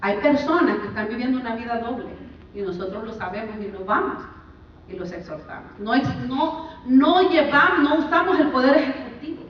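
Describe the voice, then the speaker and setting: A woman preaching a sermon in a church, her delivery swinging between emphatic rises and quiet drops. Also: on the high side, animated, normal speed, slight background noise. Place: church sanctuary. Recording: echoey far-off church mic, dull sound.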